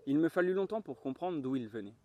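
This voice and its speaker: A man giving a calm, measured storybook reading outdoors in a garden. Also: fairly high pitch, lo-fi sound, slight background noise. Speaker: reader. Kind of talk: audiobook narration.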